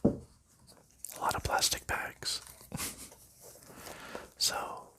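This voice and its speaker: Gentle and unhurried, a man whispers his way through showing board games for ASMR. Fillers come up often as he talks softly.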